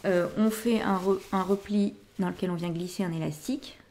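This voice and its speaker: A middle-aged woman hosts a knitting and sewing podcast, chatting through her finished projects in a casual show-and-tell. Her mid-range voice is steady and dark-toned at a moderate pace, with a slight hiss or hum, and her rambling explanations often end with "voilà."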